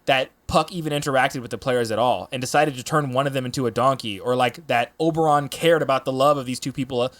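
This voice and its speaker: A man's voice: medium pitch, quick pace, hardly any pauses. Rambling man in casual podcast chat. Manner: rambling, many restarts and fillers. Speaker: podcast panelist.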